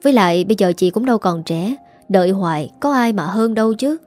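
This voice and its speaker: A woman voicing a gentle, resigned unmarried daughter who speaks softly. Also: medium pitch, animated, a little fast, faint music behind, close to an everyday voice. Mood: subdued. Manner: soft, subdued.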